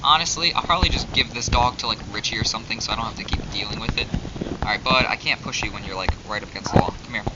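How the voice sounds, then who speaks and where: A man's voice: lowish voice, racing. A man casually narrating his own Minecraft gameplay, chatty and rambling, getting exasperated with a glitchy in-game dog. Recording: dull lo-fi mic with loud noise.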